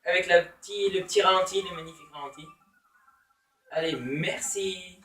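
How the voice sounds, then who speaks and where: A man's voice: high voice, moderate pace, bright, forceful tone, echoey room, far from the mic, rough recording. A man giving casual, playful let's-play commentary, teasing opponents with taunts and exclamations. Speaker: gamer.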